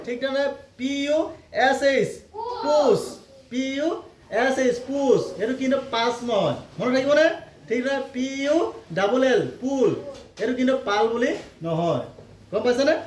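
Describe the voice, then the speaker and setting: A man teaching children phonics, spelling letters out slowly and sounding the words, then asking questions and answering them himself. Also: very high voice, a little hiss or hum. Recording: echoey room.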